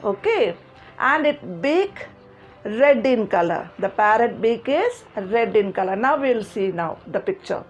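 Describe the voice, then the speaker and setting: A woman's voice: on the high side, very animated, a little slow, highs cut off. A woman teacher telling a story to children, repeating simple phrases and asking them questions.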